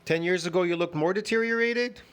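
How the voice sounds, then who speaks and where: High-pitched, quick and clean with a touch of brightness, this man's voice runs a reaction video. He rambles and repeats, poking fun at the clip and regularly adding "bro" and "get it?" in offhand commentary.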